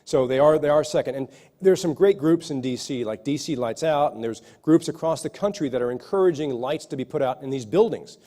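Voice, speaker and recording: A man's voice: mid-range voice, fairly quick, dark tone. A man, an ecologist, answering audience questions after a lecture in an earnest way, often restarting his sentences. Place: lecture hall.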